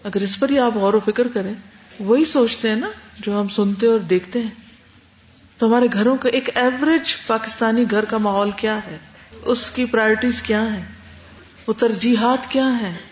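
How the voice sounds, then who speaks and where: Woman teacher lecturing in a roomy hall. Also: a little high. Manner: explains in short listed points and rhetorical questions. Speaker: religious studies teacher. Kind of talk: classroom lecture answering students. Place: lecture room. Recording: roomy classroom, dull sound, faint hum.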